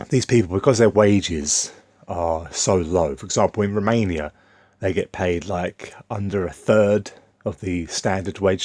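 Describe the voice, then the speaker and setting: A man's voice: low voice, a little mellow, dry recording, clean studio sound. A man, rambling bluntly in a casual off-the-cuff vlog monologue. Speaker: vlogger.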